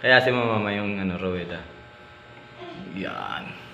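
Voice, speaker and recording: A man hosting a vlog, giving excited, casual commentary on spider fights and constantly addressing his viewers. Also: deep voice, slow, gravelly, highs cut off, background noise. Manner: excited, repeats "mga spider" and "oh" often. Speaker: vlogger, channel host. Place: at home. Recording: echoey room, faint background ambience.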